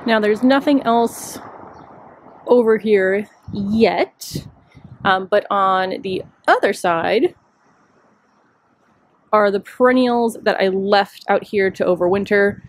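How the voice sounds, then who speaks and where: A woman's voice: medium pitch, takes it slowly, long pauses, slight background noise. A woman giving a casual walking tour of her rooftop container garden, chatty and self-deprecating, thinking aloud as she goes, recorded outdoors on a handheld phone. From Chicago area. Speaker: garden vlogger. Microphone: handheld phone camera, speaker off screen.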